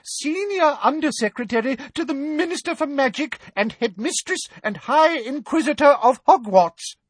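Man putting on a very high squeaky prim lady official, frightened, huskyish and dry. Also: lively intonation, moderate pace, fairly bright tone, no room sound, heavily acted. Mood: shrill fear. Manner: high-pitched, prim, bureaucratic. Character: shrill pompous terrified woman official.

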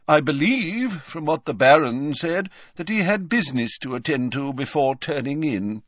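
A man's voice: fairly high pitch, animated, normal speed, fairly bright tone, no room sound, studio quality, pitched above the performer's own voice. A man voicing a chatty, genteel male ghost who gossips politely.

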